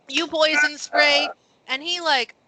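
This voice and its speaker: A woman narrating as game master of a tabletop game, animated and quick with asides. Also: a little high, background noise.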